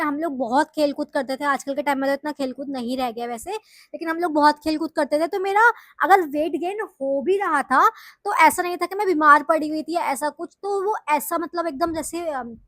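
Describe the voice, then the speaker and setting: Here a young woman from India's northern Uttarakhand hills, a vlogger, recounts her own story to camera in a relaxed, chatty, confessional manner. Her high-pitched voice moves at normal speed and is a bit bright, recorded as clean studio sound with no echo.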